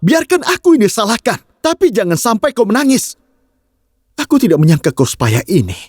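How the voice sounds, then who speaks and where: A man's voice: high-pitched, sing-song, a little fast, slightly rough, dry recording, studio quality, full character voice. An actor dubbing a hot-headed young husband who scolds and pleads with his wife in a TV drama. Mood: scolding. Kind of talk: dubbed TV drama.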